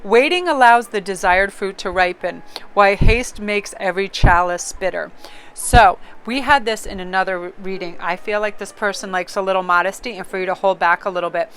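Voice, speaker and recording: A woman's voice: mid-range voice, a little fast, fairly bright tone, smooth. A woman casually reading tarot cards aloud, chatty and rambling, often breaking into laughter. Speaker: tarot card reader.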